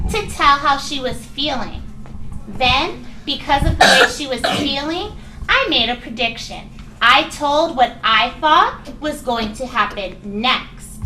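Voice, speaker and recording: A woman teaching a kindergarten reading lesson, talking simply and expressively as if reading to a toddler, with deliberate pauses as she thinks aloud. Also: sits high. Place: classroom with young children. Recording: distant mic, echoey room, loud background noise.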